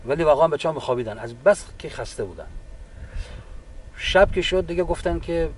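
A man's voice: on the high side, lively intonation, slight background noise. Man recalling his wartime wounds, far from mic. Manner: halting, unhurried retelling with restarts. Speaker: wounded war veteran. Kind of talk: personal war testimony. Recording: distant mic with faint background ambience.

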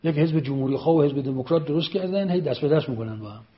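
A man giving an emphatic political speech, repeating phrases and firing pointed rhetorical questions. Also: a little high. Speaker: speaker addressing an audience. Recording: dull lo-fi recording.

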